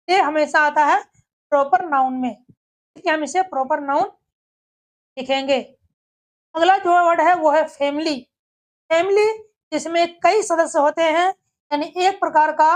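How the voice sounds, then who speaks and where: A woman with a very high, light voice gives a scripted grammar lesson. She works through one word after another in a steady, methodical way, often pausing to ask her class a rhetorical question before giving the answer. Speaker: English teacher.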